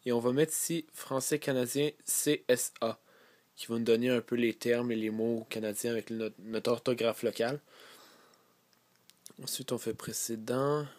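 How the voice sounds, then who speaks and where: A man with a Québécois French accent explains a tablet setting in an easygoing, step-by-step way, pausing with fillers as he goes. His voice sits at an ordinary middle pitch and sounds close and dry, with no room around it. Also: fairly even intonation, a little mellow, no room sound. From Quebec. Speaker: tech tutorial host. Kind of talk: casual screen-recorded tutorial.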